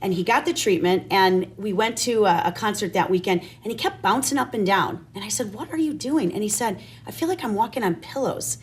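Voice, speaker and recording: A woman's voice: mid-range voice, a little fast, few pauses, breathy edge. A woman guest telling an emphatic, anecdotal personal testimonial in an interview.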